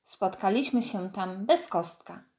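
A woman reading a children's story aloud in a lively, expressive way. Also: medium pitch, unhurried.

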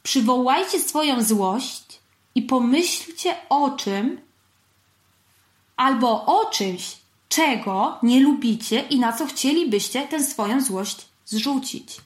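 A woman voicing a sly, wise old male puppet wizard in a storybook reading, slow and reassuring. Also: sits high, lively intonation, reverberant, pitched above the performer's own voice.

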